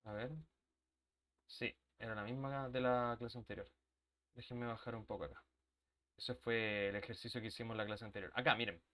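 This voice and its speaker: A man's voice: mid-range voice, fairly even intonation, normal speed, pauses often, a bit bright. Man teaching an English class. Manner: explains step by step, checks in often with ok and ya. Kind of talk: online class lecture.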